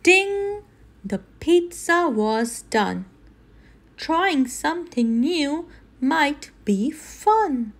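A woman reading a picture book aloud as if to a toddler, sing-song and expressive, stressing key words. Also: sits high, drawn-out words. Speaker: storybook reader.

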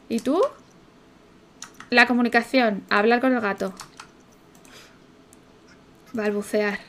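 A young woman talks through a life-sim game in loose commentary from her home setup. Her voice sits somewhat high, and she talks in a chatty, playful way, swearing freely and chanting repeated words at a desk mic. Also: fairly bright tone, a little hiss or hum. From Spain. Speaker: streamer. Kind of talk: casual gameplay commentary.

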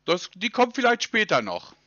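High, lively, taunting man on a call. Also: normal speed, no room sound. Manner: taunting, teasing, laughs at the caller. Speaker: scambaiter prank caller. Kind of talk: mocking prank phone call. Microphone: phone call. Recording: dull phone-call audio.

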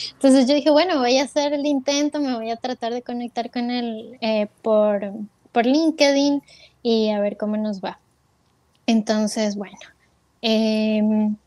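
A woman's voice: on the high side, a little mellow, no room sound. A woman telling her story as an interview guest, candid and full of fillers, quoting her own thoughts aloud. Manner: candid, retells with quoted self-talk and many fillers.

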